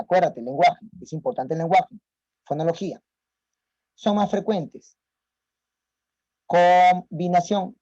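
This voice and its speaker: Man lecturing, emphatic, dark tone, muffled dry audio. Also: high voice, no room sound. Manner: emphatic, rhetorical questions to students. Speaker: teacher. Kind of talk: online lecture.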